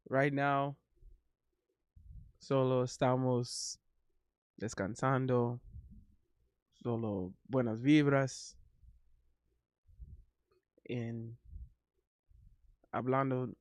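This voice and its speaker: A Miami-born man of Haitian family, a native English speaker, hosts a casual livestream and sings, chatting with hesitant ums and switching between Spanish and English. He speaks at medium pitch, and there's no echo.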